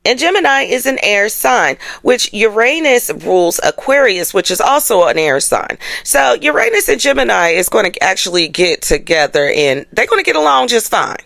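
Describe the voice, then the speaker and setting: This woman hosts an astrology show, talking to camera in a casual, chatty, explanatory way that's sassy, playful and full of slang. Her mid-range voice is gravelly yet fairly bright, and the recording is dry.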